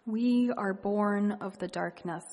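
Slow, hushed woman in a reverberant hall. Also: mid-range voice. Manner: hushed, gentle, unhurried with long pauses. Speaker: meditation leader. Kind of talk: guided meditation and reflective poetry reading. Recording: long reverberant hall echo.

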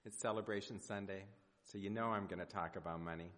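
A man preaching a prepared sermon, speaking in measured, rhetorical phrases with deliberate pauses in a church. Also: sits low, fairly even intonation, a bit bright. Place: large indoor church sanctuary. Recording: reverberant church hall.

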